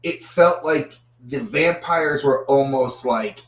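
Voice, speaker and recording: A man co-hosting a podcast takes it slowly in his mid-range voice as he chats casually about movies, often repeating words while getting a thought started. The recording carries a roomy echo.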